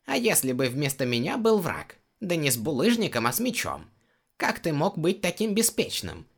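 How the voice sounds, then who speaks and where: A man's voice: on the high side, huge pitch swings, moderate pace, slightly rough, pitched above the performer's own voice, heavily acted. A male audiobook reader voicing a stern, teasing female shaman healer. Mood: scolding. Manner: scolding, teasing.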